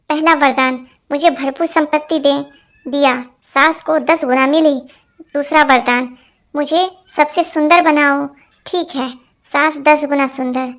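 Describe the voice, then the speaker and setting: A woman reading a string of short jokes aloud as scripted narration, giving every part in one even voice. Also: sits high.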